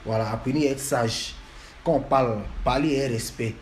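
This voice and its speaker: A man's voice: medium pitch, moderate pace, a little hiss or hum. A man, lecturing and scolding fans in a repetitive, emphatic monologue. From Ivory Coast.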